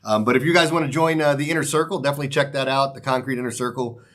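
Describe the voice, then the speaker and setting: A man's voice: mid-range voice, racing, a bit bright. Casual male sports host, slightly numb-mouthed. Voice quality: slightly off articulation, as from a numb mouth after the dentist. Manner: informal, rambling, mild swearing. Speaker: sports betting show host. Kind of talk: casual sports picks commentary, straight to viewers.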